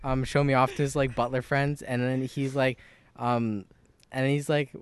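A man of middle pitch chats casually on a podcast, stumbling through his story with many false starts and restarts. He speaks close into a podcast microphone. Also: level tone, clear, resonant tone, dry recording. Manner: halting and rambling, with many restarts. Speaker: podcast co-host. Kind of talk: casual chat.

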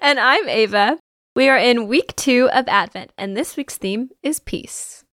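Woman calmly reading a devotional. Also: on the high side, a little slow, no echo, studio quality. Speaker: podcast co-host.

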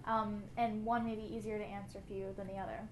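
A woman's voice: medium pitch, level tone, fast. Orderly woman questioner in echoey, noisy room. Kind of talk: measured spoken question at a live discussion. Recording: echoey room, clear background noise.

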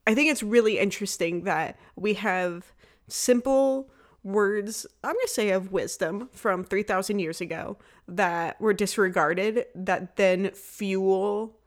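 A woman's voice: medium pitch, takes it slowly. A young woman co-hosting a podcast in casual chat, with a slight lisp, rambling with many fillers. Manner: rambling, lots of "like" fillers, self-described lisp. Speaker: podcast co-host.

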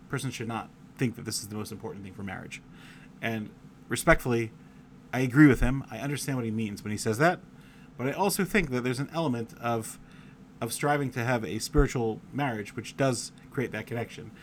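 Male Torah teacher, mid-range pitch, chatty, digressive lecture, reads quotes with feeling, faint room hum. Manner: discursive, sprinkles Hebrew and Yiddish terms; reads quoted letter passages aloud with feeling. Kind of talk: conversational lecture.

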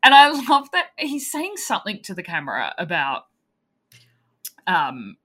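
A woman co-hosting a casual podcast chat, agreeable and quick to laugh. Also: on the low side. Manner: lively, agreeable, laughs often. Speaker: podcast co-host.

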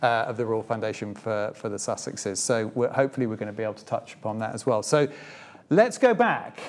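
Before an audience in a museum event space, a man hosts an evening talk, formally introducing his guest from notes before interviewing her. His voice is fairly low with lively intonation, and he speaks a little fast. His manner is formal with gentle humor.

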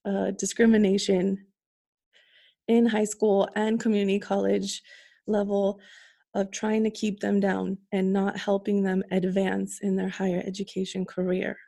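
A woman's voice: medium pitch, flat delivery, unhurried, vocal fry, warm tone. A woman talking earnestly in a conversation, laughing lightly between her points. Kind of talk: conversational interview.

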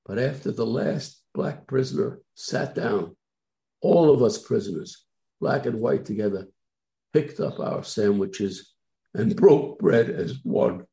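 An older man recalling his own experiences in a halting way, often restarting and repeating words. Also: medium pitch, creaky, mellow, low-quality recording. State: tearful at times. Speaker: guest recounting civil rights work. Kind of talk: personal recollection.

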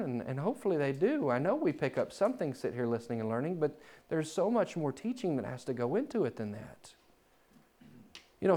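A man preaching a sermon in a church, swinging from loud, climbing emphasis to quiet, low asides.

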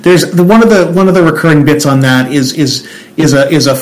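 A man's voice: a little high, a little fast, poor audio. A young man from Central New Jersey in a casual chat, talking in a rambling way with many restarts. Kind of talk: casual conversation.

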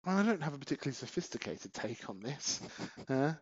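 A man with a lively, up-and-down voice, co-hosting a podcast in a joking, profane way. He often trails off mid-sentence, and the home recording sounds dull and lo-fi. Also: mid-range voice, fast, husky. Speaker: podcast co-host. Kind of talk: casual chat.

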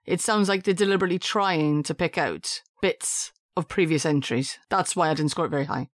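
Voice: medium pitch, fairly quick, no echo, clean studio sound. A podcast co-host chatting casually, talkative and self-deprecating. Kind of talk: casual chat.

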